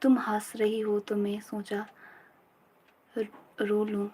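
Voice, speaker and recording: Indian woman, young, study live stream, slow drawn-out reciting, mid-pitched voice, drills notes, chats with viewers. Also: monotone, dark tone, breathy edge, rough recording. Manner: repeats notes aloud in slow drills, then chats fast in mixed Hindi and English. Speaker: student livestreamer.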